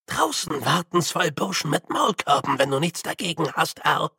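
A man's voice: fairly high pitch, sing-song, normal speed, pushed and bright, husky, no echo, studio quality, full character voice. A man reading an audiobook, voicing a nervous, apologetic old male postman who sounds set back and hesitant. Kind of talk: audiobook character voice.

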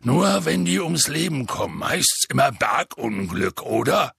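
A man voicing a huge, gruff male half-giant gamekeeper in an audiobook, with a deep, rasping voice and rough, folksy speech. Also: big pitch swings, unhurried, fairly bright tone, dry recording, studio quality, full character voice. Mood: grumbling. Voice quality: deep gravelly rasp. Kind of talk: audiobook character voice.

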